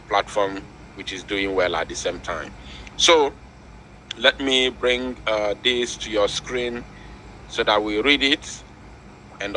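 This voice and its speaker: A man hosting a political breaking news broadcast, reading out announcements and commenting with deliberate, emphatic repetition. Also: lowish voice, pushed and bright, slight background noise, rough recording. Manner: emphatic, deliberate, repeating words for weight.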